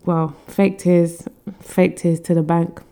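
Young female co-host, low and gravelly, blunt casual chat. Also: flat delivery, slow pace, mellow. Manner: blunt, dismissive, mocking impressions. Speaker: podcast co-host.

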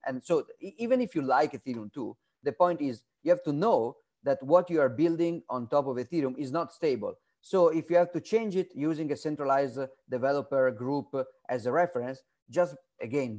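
Guy talking on a podcast, lots of uhs and restarts, middling pitch. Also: warm tone. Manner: halting, many fillers and restarts. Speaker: guest. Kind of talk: casual interview talk.

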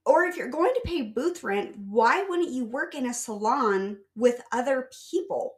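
Upbeat, chatty woman podcast host. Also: on the high side. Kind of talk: casual solo podcast talk.

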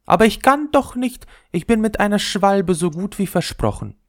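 A man's voice: high voice, lively intonation, moderate pace, dry recording, studio quality, voice pushed up. A man voicing a vain young female leather ball in a fairy tale, speaking in an affected, self-important way. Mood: haughty coy. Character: vain, prim young lady ball, high and haughty.

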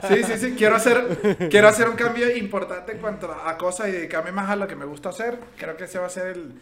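A man's voice: high voice, brisk, fairly bright tone, echoey room, slight background noise. A man co-hosting a podcast, teasing and scolding his friend in casual chat, often repeating his words. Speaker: podcast co-host.

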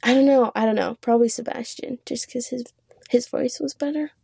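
A young woman chatting on a podcast in a slightly high, mellow voice. She talks fast and loose, laughing and filling with "like" as she tells a story. The sound is close and dry. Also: fairly even intonation, vocal fry, slightly rough, no room sound. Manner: chatty, laughs often, says "like" a lot. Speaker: podcast co-host. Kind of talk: casual chat.

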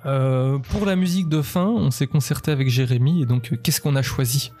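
A man's voice: mid-range voice, a little fast, darkish tone, soft background music. A man hosting a podcast in casual chat, chatty and enthusiastic, with many hesitations. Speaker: podcast host.

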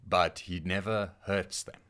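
Guy with a really low voice riffing on story ideas, lots of "like", keeps restarting. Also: steady tone, measured pace, fairly bright tone. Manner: rambling, restarts often, says "like" a lot. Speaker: podcast co-host. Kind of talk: casual brainstorming chat.

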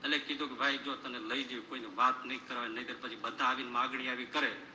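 A storyteller lowering his voice into a weary god of death, a cautious divine official speaking low and hushed. Even lowered, the voice stays bright. It echoes in a roomy hall. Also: quick pace, a little hiss or hum.

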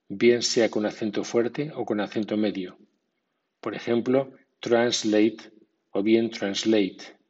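A man narrating a scripted pronunciation lesson, slowly spelling out prefixes and reading example words. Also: lowish voice, darkish tone, slightly rough, lo-fi sound. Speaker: English pronunciation teacher.

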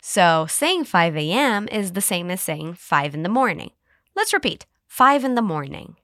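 A woman hosting an English lesson podcast, cheerful, modeling phrases slowly for listeners to repeat. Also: fairly low pitch, sing-song, fairly bright tone, no room sound, studio quality. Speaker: English teacher and podcast host. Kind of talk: scripted language lesson.

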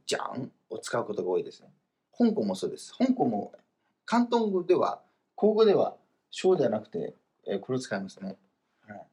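A man teaching Chinese grammar in a casual, explanatory lesson, slowing down for the example phrases. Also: mid-range voice. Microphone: voice message recording.

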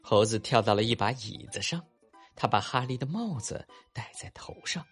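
A man narrating a children's story and talking to young listeners afterward, with animated asides. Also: mid-range voice, moderate pace, soft background music. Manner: animated, warm-toned coaxing asides to kids.

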